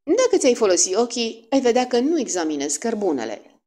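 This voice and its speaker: A woman's voice: a little high, big pitch swings, mellow, voice pushed up. A woman voicing a fussy, vain middle-aged male detective, theatrical and fond of French exclamations, in a storybook reading. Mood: wry.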